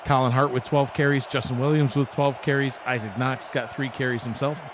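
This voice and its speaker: A man doing relaxed play-by-play commentary for a simulated football broadcast, joking along and rising in excitement on big plays. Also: medium pitch, a little fast, noisy background. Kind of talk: sports commentary.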